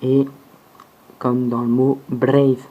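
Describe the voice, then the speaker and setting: A man giving an alphabet pronunciation lesson, slow and deliberate, repeating each sound several times, recorded on a phone. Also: medium pitch, level tone, lo-fi sound, slight background noise. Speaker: language teacher.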